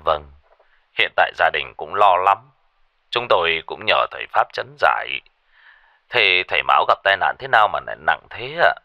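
A man's voice: low-pitched, big pitch swings, moderate pace, pushed and bright, dry recording, lo-fi sound, full character voice. A man voicing an anxious older man of a grieving family, speaking politely and with worry. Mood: worried polite. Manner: polite, worried.

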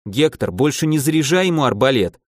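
A man's voice: medium pitch, animated, fairly quick, no echo, studio quality, lightly acted. A man voicing a cheeky, self-assured young man who teases in a businesslike manner. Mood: teasing. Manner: teasing, businesslike.

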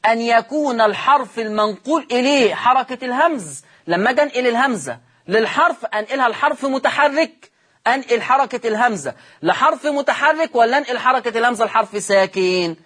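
On television, a man with an Egyptian Arabic accent teaches the rules of Quran recitation step by step, posing questions and answering them himself before slowing into a chant for each example. His voice is extremely high-pitched, fairly bright and breathy, with lively intonation.

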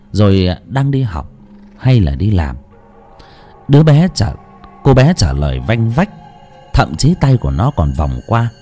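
Deep, dramatic male ghost storyteller. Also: warm tone.

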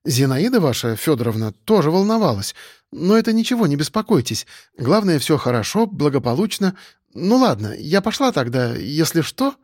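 A man's voice: on the high side, sing-song, normal speed, no room sound, clean studio sound. A man reading an audiobook, voicing a shy young woman colleague who talks timidly and bashfully. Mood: chatty. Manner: timid, bashful, gently chatty.

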